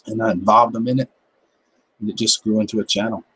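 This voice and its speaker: His voice sits on the low side, steady and quick, with a fairly bright, slightly rough tone. He's a fifty-something gardening livestream host with a Southern American accent, casually reading viewer comments with laid-back, folksy jokes. The recording is rough.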